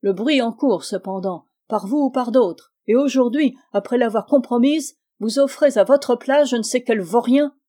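A woman's voice: mid-range voice, normal speed, natural voice. A woman reading an audiobook, voicing a proud middle-aged mother who bursts into indignant fury at her daughter's suitor. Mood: furious. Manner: outbursts of indignant shouting.

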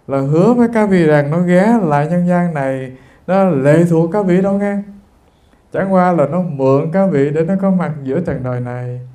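A man's voice: sits high, mellow. A man giving a Buddhist sermon, talking straight to his listeners in an earnest, storytelling way. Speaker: Buddhist monk giving a dharma talk.

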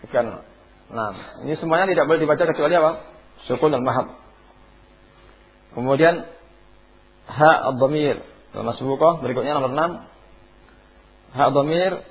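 A man's voice: on the high side, husky. A man teaching Quranic recitation rules, asking his class questions and chanting the examples in between. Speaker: tajwid teacher. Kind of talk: classroom lesson with questions to students. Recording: dull lo-fi classroom tape.

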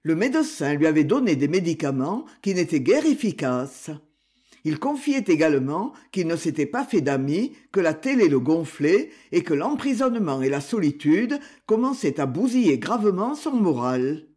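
Man reading a novel with lively pitch. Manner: measured storytelling with lively intonation. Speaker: audiobook narrator.

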